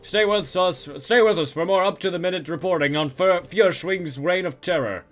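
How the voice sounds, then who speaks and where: A man's voice: high-pitched, moderate pace, soft background music, natural voice. A man voicing a male TV news reporter, delivering each line in a punchy newscaster style. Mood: urgent.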